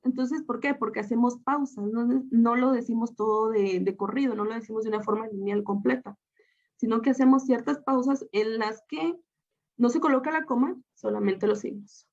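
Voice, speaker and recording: A woman's voice: on the high side, normal speed, darkish tone. A woman from Guatemala, a student teacher, talking through a lesson over slides in an explanatory way, with frequent fillers and restarts. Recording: slightly dull, lo-fi audio.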